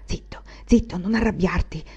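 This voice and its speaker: A woman's voice: medium pitch, moderate pace, husky. Woman voicing an anxious old widow whispering. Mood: urgente. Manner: hushed, urgent whisper.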